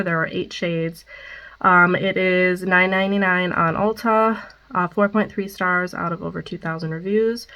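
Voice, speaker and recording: Fairly low in pitch and a bit bright, this young woman from the Midwestern United States speaks with a stuffy nose. A beauty vlogger, she rambles chattily through a makeup wear-test vlog, saying um a lot and reading out product details.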